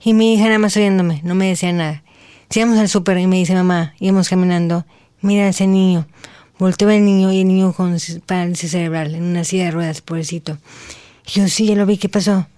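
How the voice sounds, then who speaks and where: Woman, 40s, slow careful talk, telling her story on an interview show. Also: on the low side, fairly even intonation, warm tone. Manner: slow, deliberate, earnest speech after recovering her voice. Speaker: interview guest. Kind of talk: personal storytelling.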